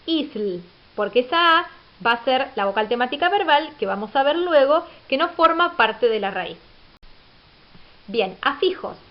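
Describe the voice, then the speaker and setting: A woman's voice: high-pitched, lively intonation, measured pace. A woman teacher giving a recorded grammar lecture, explaining patiently and asking rhetorical questions. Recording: dull lo-fi audio.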